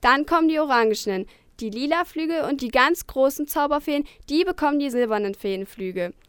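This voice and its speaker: A woman voicing a tiny, touchy fairy girl who chatters in a high, indignant way and is quick to sulk. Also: animated, fairly bright tone, dry recording, studio quality. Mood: explaining.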